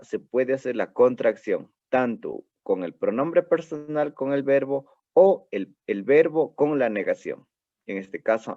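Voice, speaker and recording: A male English teacher with an Ecuadorian Spanish accent giving a recorded lesson, slowly drilling pronunciation and repeating forms for students. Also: medium pitch, dry recording. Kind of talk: recorded online class lecture. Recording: dull dry lo-fi recording.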